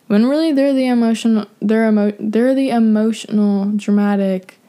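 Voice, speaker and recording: A woman's voice: on the high side, moderate pace, warm tone, smooth. A young woman hosting an advice podcast, talking frankly and rambling with lots of fillers and swearing. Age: young adult. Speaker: podcast host. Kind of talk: casual advice monologue.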